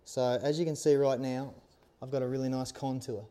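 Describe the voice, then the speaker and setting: An Australian instructor with a mellow, mid-range voice speaks fairly fast with flat delivery. He demonstrates helmet accessory making in a casual tutorial from his workbench in a small workshop studio indoors, staying informal and reassuring and often checking in with "okay?" or "all right?"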